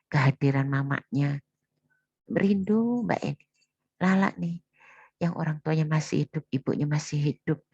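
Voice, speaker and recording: A woman's voice: sits low, darkish tone, dry recording. A woman speaking as a mother who recounts a family quarrel to her child, scolding and lamenting with a lot of repetition. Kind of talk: emotional spoken recollection addressed to her child. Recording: dull, dry, lo-fi recording.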